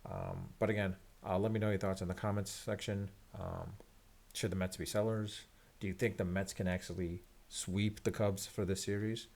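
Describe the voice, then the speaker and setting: A man with a fairly low voice talks to his viewers as a disappointed sports fan. His rant is unscripted and rambling, with halting starts and repeated phrases, and it sounds resigned. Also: level tone, gravelly, a little mellow.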